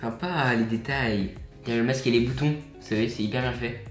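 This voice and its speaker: A man's voice: medium pitch, a little fast, loud music behind the voice. Chatty young French man, roomy echo. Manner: chatty, upbeat, many fillers and asides. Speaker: YouTuber showing collectibles. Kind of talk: casual unboxing vlog.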